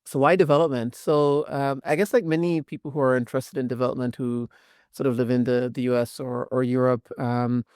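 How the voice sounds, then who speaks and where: A man who grew up in Jamaica, a professor speaking as an interview guest in a thoughtful way, with frequent pauses. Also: mid-range voice, level tone, darkish tone, clear, resonant tone, no room sound, clean studio sound. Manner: thoughtful, many "um" fillers. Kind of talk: academic interview.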